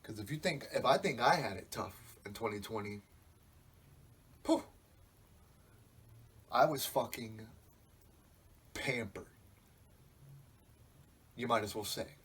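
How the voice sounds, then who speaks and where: A man's voice: lowish voice, slow, long pauses, a bit bright, breathy edge. A man in his twenties talking on a podcast in a loose, rambling, reflective way, swearing freely. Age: 20s. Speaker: podcast host. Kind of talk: casual podcast monologue.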